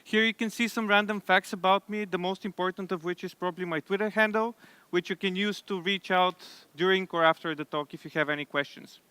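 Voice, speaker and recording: A young man from Bulgaria, giving a conference tech talk from the stage in a steady way, now and then correcting himself. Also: high-pitched, a little fast, clear, resonant tone, no room sound. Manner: steady presenter, occasional self-corrections. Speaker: conference speaker.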